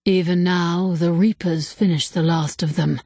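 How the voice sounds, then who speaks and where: A woman voicing an ancient male temple spirit who speaks calmly and with regret, in an audiobook reading. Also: on the low side, no room sound. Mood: calm regretful. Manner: calm, regretful, unhurried. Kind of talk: audiobook character voice.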